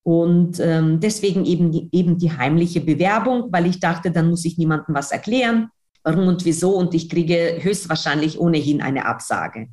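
This woman's voice is on the low side and a little mellow, at a moderate pace. A newspaper editor and trainer of trainees from outside Germany, she's interviewed in German, her second language, with a foreign accent, telling a personal story and repeating words for emphasis.

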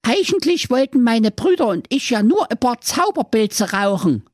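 A brash little goat kid rattles off its confession in a squeaky, sky-high voice, put on by a man telling a comic fairy tale. The sound is close and dry, with the pitch leaping about. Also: big pitch swings, normal speed, a little mellow, dry recording, heavily acted. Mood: cheeky. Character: smallest little goat kid, cheeky and foul-mouthed. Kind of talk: comic storytelling.

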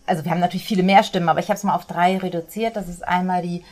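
A woman guest in an interview, an author and speaker, explaining her models in a lively way and slipping into little acted quotes. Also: on the low side, racing.

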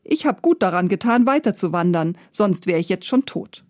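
Woman doing a young man, brisk, light, mellow tone, dry close sound. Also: medium pitch, animated, no echo, close to an everyday voice. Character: carefree young man, hasty traveler.

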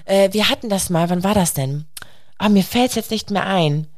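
A woman's voice: medium pitch, normal speed. A woman in her thirties, a mother of young children, chatting casually and animatedly quoting her son. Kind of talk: casual podcast conversation.

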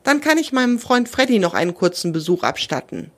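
A woman's voice: mid-range voice, very animated, a little fast, fairly bright tone. A woman reading the part of a greedy, sulky male talking magic pony in a children's story, with a reproachful, wheedling manner. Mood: content.

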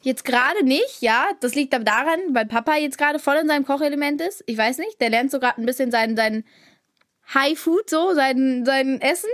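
A woman's voice: sits high, fairly quick, a bit bright. A teenage girl co-hosting a family podcast, arguing indignantly and talking over her mother. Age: teens. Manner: argumentative, indignant, talks over others. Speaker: podcast co-host, daughter. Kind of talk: casual family podcast banter.

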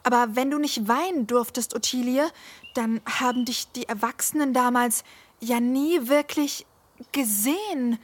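A woman voicing a kind young friend who talks in a gentle, thoughtful way. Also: fairly high pitch, measured pace.

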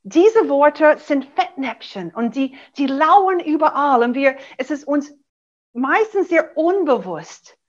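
A middle-aged American woman whose first language is English coaches a webinar in German, animated and acting out brief sample dialogues. Her voice is high-pitched and slow, and the webinar audio is dull and lo-fi.

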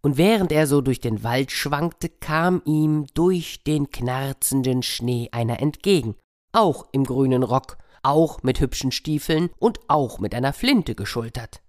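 A man telling a children's story in a lively, playful way, speaking directly to the young listeners. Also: mid-range voice, unhurried, no room sound, clean studio sound.

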